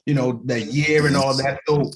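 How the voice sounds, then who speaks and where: With a medium-pitched voice at a moderate pace, a Haitian man recounts a story as a guest actor in an informal interview, laughing at himself and performing the voices of those he quotes. The recording is low quality, with a little hiss or hum.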